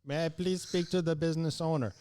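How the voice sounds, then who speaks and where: A persistent male telemarketer, as a man puts him on reads his script at a clipped, rapid pace and asks the same question over and over. His voice sits well above the performer's usual pitch. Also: steady tone, dark tone, natural voice. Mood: insistent.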